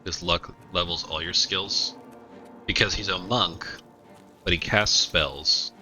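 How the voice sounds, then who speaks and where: A man's voice: low voice, steady tone, slow, pushed and bright. A man streaming a video game, tossing out sarcastic, joking asides as he plays. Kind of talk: casual gameplay commentary. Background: game music.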